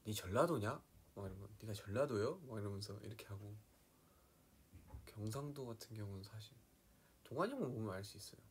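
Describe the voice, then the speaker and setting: A soft-spoken young man chatting casually on a live stream, slipping into quiet asides and playful dialect impressions. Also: lowish voice, expressive, quick pace, long pauses, a little hiss or hum.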